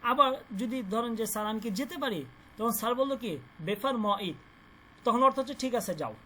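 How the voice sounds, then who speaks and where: A woman teaching a language class, her voice pitched a little high. She repeats each word patiently and keeps checking that her students follow. A faint hiss of noise sits under the recording. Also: animated, moderate pace, sharp tone. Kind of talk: classroom lesson explaining vocabulary.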